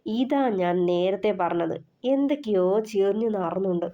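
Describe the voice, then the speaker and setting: A woman reading the part of a sharp-tongued young female college friend, sarcastic and prying. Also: medium pitch, lively intonation, moderate pace, muffled recording, natural voice.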